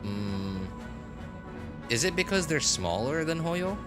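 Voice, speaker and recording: A man chats casually on a gaming livestream in a slow, sing-song voice that sits a little high. He rambles and corrects himself as he goes, chuckling now and then over background music.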